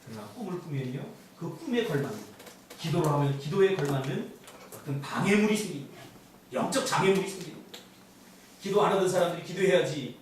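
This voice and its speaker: A male pastor delivers an emphatic sermon, his high voice swinging up and down with animated energy. He is heard from a distance in a large, strongly reverberant church, with a faint hiss under the sound. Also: brisk. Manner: emphatic preaching, acting out quoted voices. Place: church sanctuary. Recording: echoey hall from far off.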